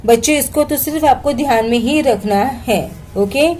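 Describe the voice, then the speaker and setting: A woman's voice: high-pitched, normal speed, a little mellow, slight background noise, low-quality recording. A woman with an Indian accent teaching children English grammar, mixing Hindi with English, asking questions and answering them herself, and spelling words out letter by letter. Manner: explains in Hindi mixed with English, asks and answers her own questions.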